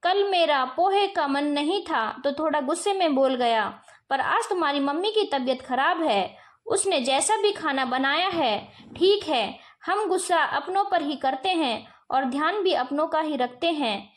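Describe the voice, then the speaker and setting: A woman voicing a short-tempered husband and father who lectures his children gently. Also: high voice, expressive, unhurried. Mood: gentle, explaining. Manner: stern then gently explaining.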